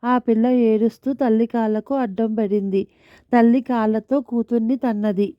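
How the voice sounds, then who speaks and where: A woman narrating a story in the first person, in a steady, reflective storytelling manner. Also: fairly high pitch, moderate pace, dry recording, muffled recording.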